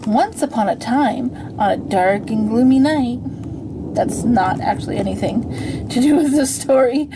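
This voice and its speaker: A woman's voice: fairly high pitch, expressive, unhurried, background noise. A woman hosting a casual story time, rambling and giggling at herself as she goes. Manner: rambling, giggly and self-deprecating. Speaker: channel host.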